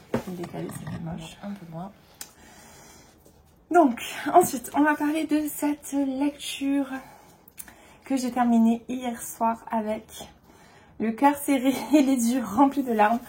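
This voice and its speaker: A woman's voice: a little high, mellow, a little hiss or hum. A woman vlogging about books in a casual, hesitant way, full of fillers and repeated words, sometimes reading blurbs aloud. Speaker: book vlogger.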